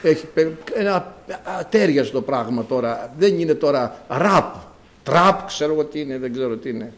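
A man preaching a sermon as a priest, with dramatic rises and drawn-out words. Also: medium pitch, animated.

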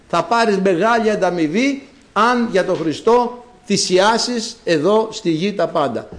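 A male priest giving a sermon, telling stories in an animated way and addressing the congregation again and again. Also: high-pitched.

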